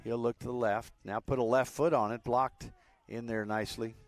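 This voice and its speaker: A man doing live play-by-play commentary on a youth soccer match, relaxed and chatty with frequent fillers. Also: medium pitch, normal speed, no echo.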